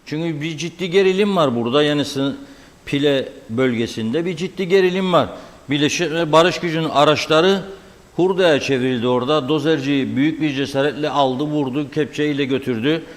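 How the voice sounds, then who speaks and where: A man hosts an interview and puts pointed, reflective questions to his guest. His fairly high voice booms back in a hollow, cave-like echo that trails off slowly. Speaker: host. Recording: echoey, long-reverb remote connection.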